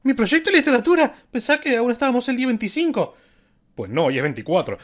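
Un hombre que pone la voz de una colegiala adolescente, atolondrada y fácil de alarmar, con exclamaciones agudas y chillonas. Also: male voice, big pitch swings, fast, fairly bright tone, full character voice. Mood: panicked. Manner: shrill exclamations. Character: flustered teenage schoolgirl, earnest and easily alarmed.

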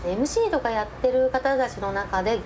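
A woman's voice: fairly high pitch, animated, brisk, noisy background. A young woman chatting casually as a guest on a talk show in a restaurant. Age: young adult. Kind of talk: casual chat. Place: small restaurant, indoors. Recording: music and chatter behind.

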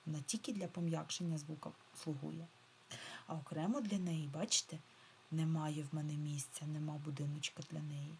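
A woman teacher giving a remote reading lesson to first graders, patiently repeating key words and stretching them out slowly, syllable by syllable. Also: low voice, fairly even intonation, dark tone, slight background noise. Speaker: primary school teacher.

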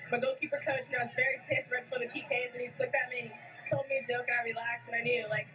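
Quick young female goalkeeper, off-mic. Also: fairly high pitch. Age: young adult. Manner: excited, rambling with fillers. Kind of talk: post-game interview. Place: stadium field, outdoors. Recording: distant, dull lo-fi broadcast with music.

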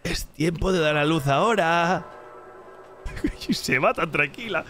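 Animated man. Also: fairly high pitch, unhurried. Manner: animated, bursts into exclamations and laughs. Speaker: reaction video host. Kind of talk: excited reaction commentary. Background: music from the video he is watching.

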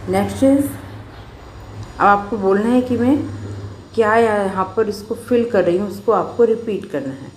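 A woman's voice: mid-range voice, roomy sound, a little hiss or hum, low-quality recording. A woman teaching English pronunciation, who drills each word twice and explains in Hindi. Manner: slow, drawn-out word drills, repeating each word; explains in Hindi, reads English sentences slowly. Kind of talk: pronunciation lesson.

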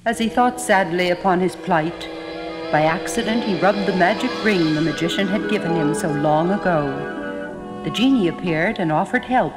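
A woman narrating a fairy tale in a measured storytelling manner. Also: fairly low pitch, natural voice. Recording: echoey hall, music behind.

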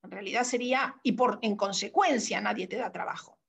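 A woman's voice: mid-range voice, fairly quick, creaky, breathy edge. A woman with a Rioplatense Argentine accent giving an academic lecture, reading classroom dialogue aloud and checking in with her listeners. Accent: Rioplatense Spanish.

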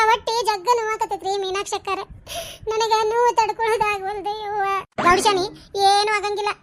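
High squeaky bickering village ladies from a cartoon, all done by one woman, north karnataka accent, rattling off lines fast. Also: fairly bright tone. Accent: North Karnataka Kannada. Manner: quick, shrill, bantering dialect chatter. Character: bickering village women, a landlady and her helpers. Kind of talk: cartoon voice acting.

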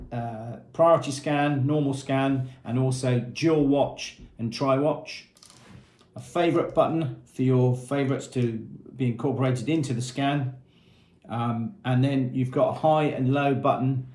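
Seated at a table in a small room with painted block walls, a man in his fifties informally presents products for a marine equipment retailer. He walks through each item plainly and methodically in short phrases, his mid-range voice a little mellow, and the room adds echo.

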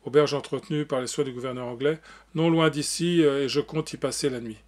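A man reading the lines of an earnest, quietly sad young man in plain, measured replies. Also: mid-range voice, fairly even intonation, lightly acted. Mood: calm.

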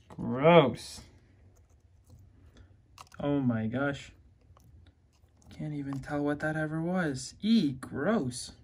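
A man hosting a casual vlog in the reptile room of his home, talking affectionately to his lizards as he feeds them, with excited exclamations. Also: on the high side. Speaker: reptile keeper and channel host. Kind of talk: casual vlog narration while feeding pets.

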